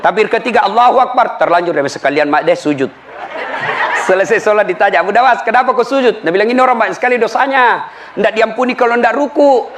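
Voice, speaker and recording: A man preaching a humorous sermon. He tells lively stories and acts out the voices of the people he quotes. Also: high voice, fast, some chatter behind, slight background noise. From Indonesia.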